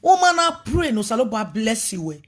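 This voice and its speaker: Her voice is on the high side, sing-song and a little fast. She is a ministry leader giving an animated livestream talk, preachy and emphatic, mixing pidgin, English and a local language.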